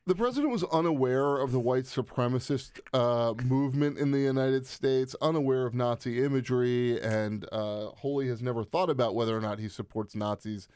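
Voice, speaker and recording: A man hosts a political talk show in a relaxed, conversational way. His questions run long and loop around with fillers. The sound is close and dry, with no room echo. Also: mid-range voice, moderate pace, few pauses, clear, resonant tone. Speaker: podcast host.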